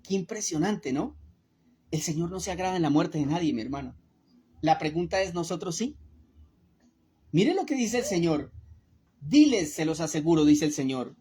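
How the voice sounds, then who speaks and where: A woman's voice: lowish voice, a little mellow, husky. A woman giving an earnest Bible study sermon, speaking to her listeners as brothers and asking them rhetorical questions. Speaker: Bible teacher.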